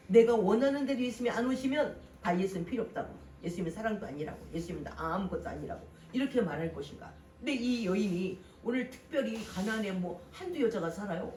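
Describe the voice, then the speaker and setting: A pastor delivering a Sunday sermon with lively swings between loud and soft, posing rhetorical questions to the congregation. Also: medium pitch, a little hiss or hum. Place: church sanctuary. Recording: roomy hall from a distant mic, faint ambience.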